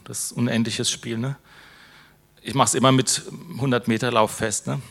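A man's voice: mid-range voice, flat delivery, moderate pace, creaky, fairly bright tone. A man preaching an informal sermon, conversational, with many fillers and tag questions. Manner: closes with a prayer.

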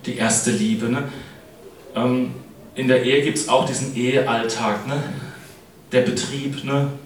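A man's voice: medium pitch, steady tone, slow. A middle-aged man preaches a casual, chatty sermon, often turning to his listeners to check they follow him. His voice is recorded from a distance in a very echoey church hall. A faint noise sits under his speech. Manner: chatty, keeps adding "ne?" to address the congregation.

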